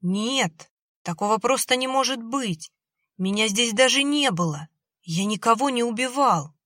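A woman's voice: fairly high pitch, lively intonation, measured pace, a bit bright, no room sound, studio quality, voice pushed up. A woman voicing a terrified young man who pleads and denies in desperation. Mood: desperate.

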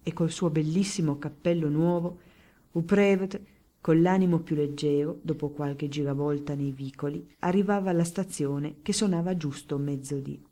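Woman, audiobook narrator, low pitch, mellow tone, measured reading. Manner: measured, even storytelling. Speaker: audiobook reader. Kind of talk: scripted narration.

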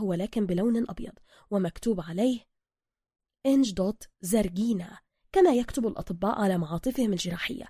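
Brief: woman storyteller, fast reading, a bit high, very dry close sound. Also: mellow, breathy edge, dry recording. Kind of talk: scripted story narration.

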